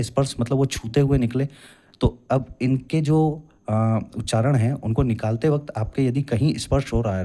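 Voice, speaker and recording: A man's voice: medium pitch, warm tone. A young man teaching a classroom lecture as an exam coaching teacher, patiently explaining and drawing out sounds to demonstrate them.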